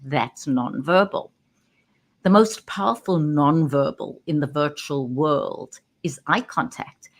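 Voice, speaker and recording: A woman who works as a communication coach, talking straight into her camera and stressing key words with pauses. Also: low-pitched. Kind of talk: direct-to-camera talk. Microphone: webcam.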